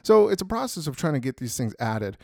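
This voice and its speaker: A man's voice: fairly high pitch, very animated, fairly quick, creaky, warm tone, no room sound. Rambling man with a dry close mic. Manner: rambling, full of "you know" and "right?". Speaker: podcast host. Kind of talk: casual solo monologue.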